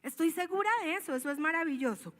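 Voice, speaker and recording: A woman's voice: high voice, fast, fairly bright tone. A woman with a Colombian accent giving a conversational, emphatic sermon and asking her listeners questions. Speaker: preacher. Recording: long hall reverb.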